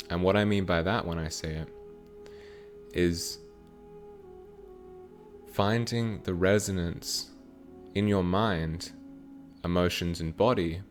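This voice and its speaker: Male spiritual teacher, very deep voice, channeled teaching, measured pacing, faint music bed. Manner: slow, measured, broken into short phrases. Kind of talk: channeled teaching with guided meditation.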